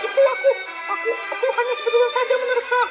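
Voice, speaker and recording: Squeaky, pleading cartoon young woman. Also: little pitch movement, fast talker. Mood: defensive. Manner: pleading, stammering, melodramatic. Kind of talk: dramatic animated story dialogue. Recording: dull lo-fi audio with music behind.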